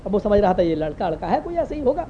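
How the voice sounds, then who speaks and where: High-voiced male preacher telling a story. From Uttar Pradesh, India. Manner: lively anecdotal storytelling. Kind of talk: storytelling sermon. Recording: muffled lo-fi recording with faint hiss.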